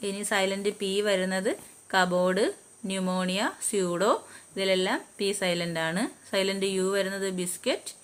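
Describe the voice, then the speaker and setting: A woman who speaks Malayalam natively, teaching an English lesson and saying example words one by one, slowly and deliberately. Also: mid-range voice, a bit bright. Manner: slow, deliberate word-by-word dictation.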